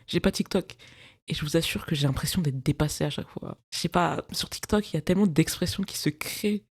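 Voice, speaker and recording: A woman's voice: sits low, fast, darkish tone, husky. A young woman in her twenties chats alone into the mic from her bedroom, hosting her own podcast. She wanders from topic to topic in loose, slangy talk and laughs often at herself. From France, of Cameroonian parents. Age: 20s. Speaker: podcast host. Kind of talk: casual solo podcast chat.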